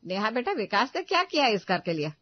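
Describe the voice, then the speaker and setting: A woman's voice: medium pitch, big pitch swings, quick pace, no room sound, highs cut off, pitched above the performer's own voice, close to an everyday voice. A woman voicing a worried middle-aged mother who pleads with her family in a cartoon story. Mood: pleading.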